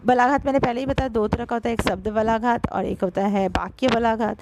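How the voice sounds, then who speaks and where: A fairly high-voiced woman teacher walks her pupils through a grammar lesson. She explains patiently, speaks to them directly and slows down to break sounds apart. The recording has clear background noise. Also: steady tone. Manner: explanatory, addresses pupils directly, stresses syllables slowly.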